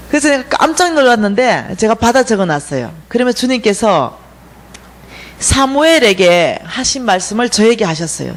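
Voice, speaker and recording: A woman from South Korea delivers a sermon testimony to a congregation in a lively, swooping voice. She tells her story with animation and acts out each line of dialogue. Her pitch ranges widely from phrase to phrase. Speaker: guest speaker at a church revival.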